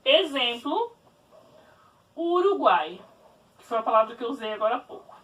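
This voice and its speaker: A woman teaching grammar in a high voice that swings up and down a lot. She stretches out key words slowly as she explains. The mic sits a bit back from her. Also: big pitch swings, a bit bright, far from the mic. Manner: slow, spelled-out explaining. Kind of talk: online grammar lesson.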